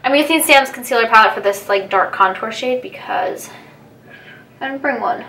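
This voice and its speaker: A young woman with a bright, somewhat high voice chats playfully through a makeup routine. She is recorded a little away from the mic in an echoey room, with faint noise and clinking around her. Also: normal speed. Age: young adult. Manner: chatty, playful. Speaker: beauty vlogger. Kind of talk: casual makeup chat. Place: small room indoors, seated at a table. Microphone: camera a few feet away. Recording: roomy, distant mic, background noise, clinking.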